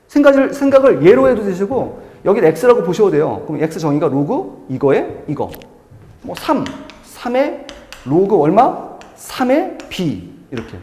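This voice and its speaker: In an echoey classroom with a long reverb tail, a man with a high-pitched, darkish voice teaches math. His lecturing is emphatic and repetitive: he keeps returning to key words and answers the questions he asks.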